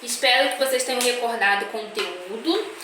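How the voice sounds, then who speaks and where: A Brazilian primary school teacher with a somewhat high, sharp voice patiently explains a lesson to young children, drawing out her syllables and checking in often with "tá?". The recording is echoey, far from the mic, with faint background noise.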